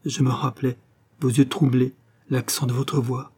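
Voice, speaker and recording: A man's voice: medium pitch, flat delivery, moderate pace, darkish tone, husky, close to an everyday voice. A man voicing a young woman in love, joyful and teasing, in an audiobook reading with an impassioned delivery. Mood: tender.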